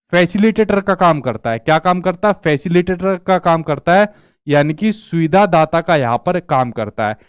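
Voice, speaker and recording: A man's voice: a little high, clear, resonant tone, dry recording, studio quality. A young man teaching an online exam-prep class, asking the class questions and answering them himself.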